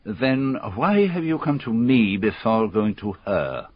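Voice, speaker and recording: Hercule Poirot, unhurried, courteous detective. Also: male voice, mid-range voice, very animated, no echo. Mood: probing. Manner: formal, measured, deliberate phrasing. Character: courteous, shrewd foreign male detective, middle-aged, quietly amused. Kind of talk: radio drama acting. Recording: slightly dull, lo-fi radio recording.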